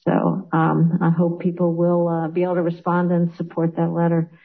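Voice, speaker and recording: A woman's voice: on the low side, completely flat delivery, normal speed, breathy edge. A woman legislator presenting a resolution at a public meeting, speaking hesitantly with many fillers, over a remote call. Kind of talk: formal meeting remarks. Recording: tinny phone-like audio.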